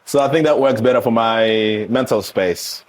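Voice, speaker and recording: A man's voice: medium pitch, normal speed. A man in his thirties from Eswatini, a guest in a candid interview, talking openly and animatedly about himself with many asides. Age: 30s. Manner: animated storyteller who voices others' reactions in asides.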